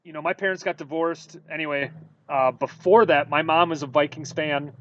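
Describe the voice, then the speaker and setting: A man from Wisconsin co-hosting a sports podcast, telling stories in a casual, animated way with lots of fillers. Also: fairly high pitch, normal speed, muffled recording, a little hiss or hum. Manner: animated storytelling with many fillers. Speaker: podcast co-host.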